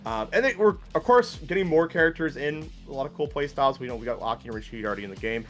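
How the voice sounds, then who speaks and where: Excitable man commentating a fighting game. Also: mid-range voice, fast talker, faint music behind. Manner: excitable, shouts at big plays, rambling with fillers. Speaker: tournament commentator. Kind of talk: esports commentary.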